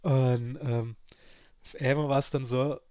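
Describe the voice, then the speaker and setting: A man's voice: medium pitch, steady tone, slow, dark tone. A man telling a casual anecdote, with many restarts and acted quotes. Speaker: storyteller.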